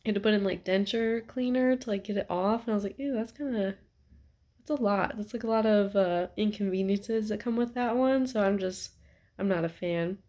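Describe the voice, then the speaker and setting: A woman's voice: medium pitch, fairly quick, warm tone. Chatty young woman vlogging from her couch. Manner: chatty, rambling, many ums and likes. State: stuffy nose. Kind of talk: casual chat to camera.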